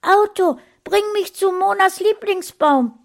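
A woman voicing a frightened young boy who shouts high and urgent. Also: slow pace, heavily acted. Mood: desperate.

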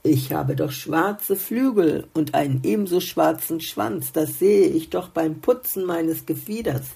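A woman's voice: deep voice, a little slow, vocal fry, dark tone, husky, exaggerated voice. A woman voicing a grumpy, puzzled little male songbird in a storybook, grumbling and doubting. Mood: grumbling, doubtful.

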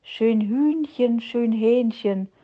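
A woman voicing a small, excitable bird chick who chants fairy-tale rhymes, in a storybook reading. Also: on the high side, very slow, lo-fi sound. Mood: singsong. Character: little chirpy bird boy, fairy-tale mad.

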